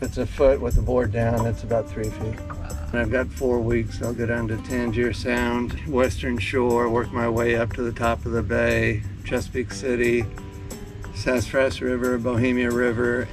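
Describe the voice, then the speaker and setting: An older man on a small sailboat describes his boat in a halting, casual way with many fillers. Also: medium pitch. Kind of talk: casual chat. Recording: distant mic with music behind.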